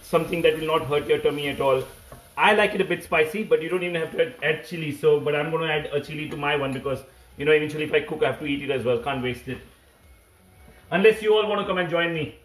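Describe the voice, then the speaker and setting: A man's voice: fairly high pitch, fast talker, slight background noise. A man in his thirties with an Indian accent, chatting casually as he hosts a live cooking stream, often repeating short phrases. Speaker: cooking livestream host. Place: home kitchen, indoors. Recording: echoey room, phone mic.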